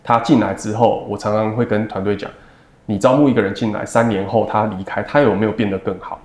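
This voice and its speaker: A man in his thirties with a Taiwanese Mandarin accent, speaking as an interview guest in a measured, reflective way with many fillers. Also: fairly low pitch, steady tone, darkish tone. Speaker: second-generation family business heir. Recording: roomy echo.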